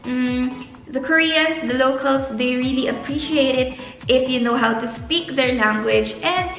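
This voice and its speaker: A woman's voice: high voice, unhurried, fairly bright tone. A young Filipino woman with a Filipino accent, a graduate student giving casual, earnest advice in a vlog and stretching words for emphasis. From Philippines. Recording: echoey room with faint music.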